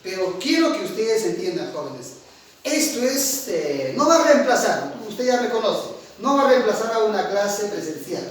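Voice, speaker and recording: Middle-aged guy teaching a class online, high voice, goes loud then soft, keeps asking if students follow, super echoey room. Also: moderate pace, far from the mic. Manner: animated, swings between loud and quiet, asks "¿sí o no?".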